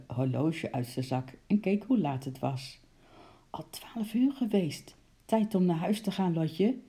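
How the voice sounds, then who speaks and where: Low-voiced woman reading a children's story. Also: gravelly, warm tone. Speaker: narrator.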